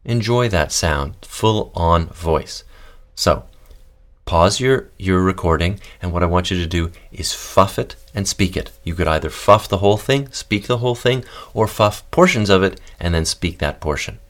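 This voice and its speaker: Deep-voiced man coaching voice exercises. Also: moderate pace. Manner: calm, guiding instructions with demonstrations. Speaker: voice and text coach. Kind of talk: podcast voice lesson.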